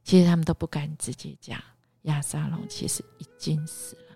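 Gravelly-voiced woman retelling a Bible story. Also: low-pitched, a little fast, no room sound, clean studio sound, faint music behind. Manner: animated retelling, drops to soft half-whispers. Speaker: devotional podcast host.

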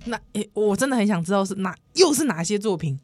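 A woman with a Taiwanese Mandarin accent co-hosting a casual podcast chat, expressive and slipping Hokkien words into her talk. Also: medium pitch, fast talker, no room sound. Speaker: podcast co-host.

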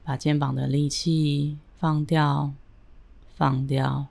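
Female meditation guide: unhurried, low register, calm and gentle, pausing deliberately between instructions. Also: gravelly. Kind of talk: guided breathing and body-relaxation meditation narration.

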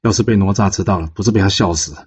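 A man's voice: sits low, rapid-fire, slightly rough. A man voicing a proud young male general who lectures and takes offense easily. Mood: wry. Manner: lecturing, indignant. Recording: dull lo-fi recording.

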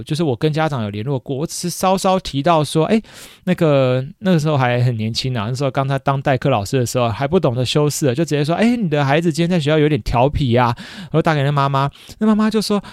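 A man's voice: medium pitch, dry recording, studio quality. A man, a teacher hosting his own podcast, talking casually and reflectively with frequent "dui" fillers. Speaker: podcast host and schoolteacher. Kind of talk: casual solo podcast monologue.

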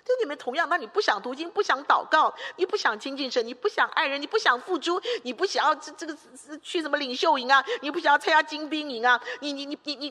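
A woman preacher with a high, bright voice delivers an emphatic sermon. She builds her points through long runs of repeated rhetorical phrases. Her voice carries a long, echoing church-hall reverb.

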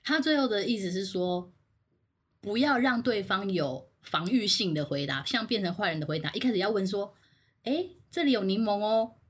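A woman's voice: medium pitch, lively intonation, normal speed, husky. A woman co-hosting a casual podcast, steering the talk with questions. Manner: leads with questions, steers the topic. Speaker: podcast co-host.

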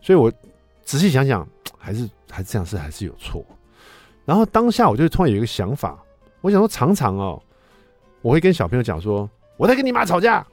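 A man around fifty, a radio host telling a personal story in a casual monologue, acting out the voices he quotes and swinging between loud and soft. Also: mid-range voice, dry recording. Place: radio studio. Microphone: studio microphone.

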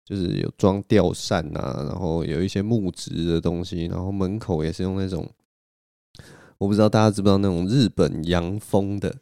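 A man's voice: deep voice, warm tone, clean tone, dry recording. A man hosting a solo podcast, telling stories in a rambling, self-mocking way on a close mic. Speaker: podcast host. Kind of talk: casual solo storytelling.

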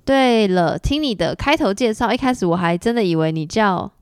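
A woman's voice: medium pitch, lively intonation, normal speed, darkish tone, smooth, no room sound. A woman podcast host reading listener letters aloud in a playful way, acting out the quoted lines and laughing often.

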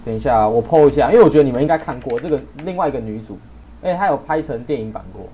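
A young man hosts a loose podcast chat, talking quickly. He jokes, teases and swears freely. A faint hiss of noise sits under the voice. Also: mid-range voice, animated, warm tone, highs cut off. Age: young adult. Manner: fast, joking, swears a lot. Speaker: podcast host. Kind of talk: casual chat.

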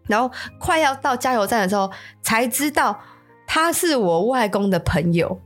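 A woman's voice: on the high side, animated, normal speed, soft background music. A woman podcast host with a Taiwanese Mandarin accent, telling a story casually, with stammering restarts. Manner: stammering restarts, acts out quotes.

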